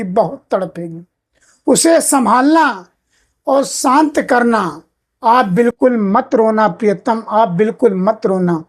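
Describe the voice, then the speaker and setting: A woman voicing the soul of an older wife saying a slow, repeated farewell to her husband in an emotional moral monologue. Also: fairly high pitch. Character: departing soul of an older wife, tender, pleading.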